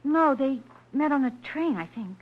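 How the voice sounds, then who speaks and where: A woman's voice: sits high, expressive, moderate pace. A woman playing an earnest, loyal young woman in an old radio crime drama, imploring and full of feeling. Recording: muffled vintage radio recording.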